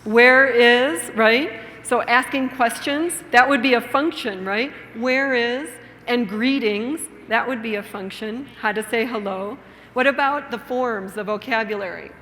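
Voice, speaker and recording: A woman's voice: on the high side, a little slow, bright, forceful tone, a little hiss or hum. A woman giving a conference lecture as a teacher educator, engaging her audience with questions and frequent tag "right?" checks. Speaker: plenary speaker and teacher educator. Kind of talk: conference lecture with a read-aloud story. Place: large conference hall. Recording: long hall reverb, faint room ambience.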